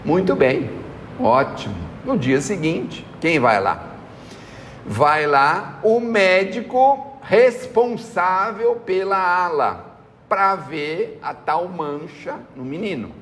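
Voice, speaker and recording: A Brazilian man tells stories during a spiritual lecture. His pitch jumps around a lot as he acts out the people he quotes, and his voice is a little high. The long reverb of a hall hangs behind him, over a faint hum of the room. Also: expressive, slow, fairly bright tone. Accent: Brazilian Portuguese. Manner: folksy storytelling, acts out quoted voices, frequent "né?". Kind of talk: anecdotal spiritual talk.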